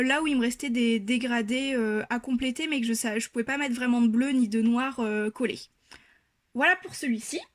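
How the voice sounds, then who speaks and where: A woman's voice: high voice, a bit bright, dry recording. A young woman chatting casually about her coloring, explaining step by step with many hesitations. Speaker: coloring vlogger.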